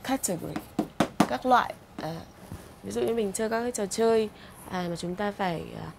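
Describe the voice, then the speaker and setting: A woman English teacher with a Vietnamese accent, slowly repeating vocabulary words and explaining them in a drawn-out, coaxing classroom way. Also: medium pitch, vocal fry, heavy background noise. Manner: frequent "ok" and "à" fillers, coaxing "đúng không ạ?". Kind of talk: vocabulary lesson with pronunciation drills.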